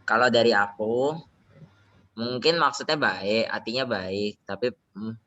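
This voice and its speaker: A man's voice: lowish voice, a little slow, fairly bright tone. A man with an Indonesian accent in a study group, hesitantly searching for his words. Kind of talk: casual discussion. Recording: dull online call audio with faint noise.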